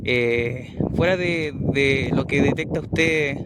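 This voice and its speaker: A man with a Chilean accent, an amateur radio operator and vlogger, operates a ham radio in a casual outdoor vlog on a windy hilltop, speaking courteously with call signs and the phonetic alphabet. His voice is medium-pitched and slow, with heavy background noise.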